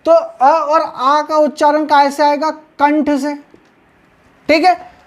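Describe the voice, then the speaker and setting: A woman's voice: high voice, flat delivery, takes it slowly. A woman teaching grammar at a board, explaining step by step and checking in with her students after each point. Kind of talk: blackboard lesson.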